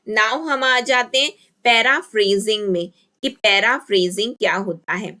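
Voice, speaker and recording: A woman's voice: medium pitch, sharp tone. A woman teacher giving an exam-prep lecture, mixing Hindi and English, asking and answering her own questions and dictating key terms word by word.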